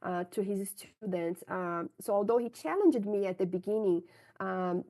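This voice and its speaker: Answering interview questions about her science career, a Brazilian woman speaks frankly and keeps adding "right?" at sentence ends. Portuguese is her first language, and her accent shows it. Her mid-range voice is mellow, lively in intonation and normal in speed.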